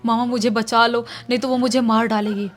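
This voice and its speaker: A scared young boy, voiced by a woman telling a horror story, pleads anxiously and begs to be sent home. The voice sits high, with faint music behind. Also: little pitch movement, fairly quick, close to an everyday voice. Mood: frightened. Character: worried boy, frightened and pleading.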